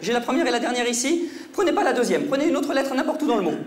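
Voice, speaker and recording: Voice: high-pitched, very animated, racing. A stage mentalist comedian running a mind-reading routine with audience volunteers, in mock-serious teasing patter that often stumbles and restarts. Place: stage before a live audience. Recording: echoey hall with faint crowd.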